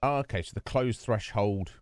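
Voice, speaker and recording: A man hosts a livestream, chatting casually to viewers and rambling, often restarting his sentences. His voice is fairly low and a little mellow at a moderate pace, picked up dry by a desk microphone with a noise gate, with faint music in the background.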